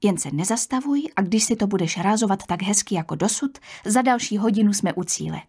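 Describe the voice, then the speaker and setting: A woman reading an audiobook, voicing a curt, hurried young aunt who brushes off questions. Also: medium pitch, lively intonation, mellow, slightly rough. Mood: curt, impatient. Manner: brusque, dismissive. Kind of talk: audiobook character voice.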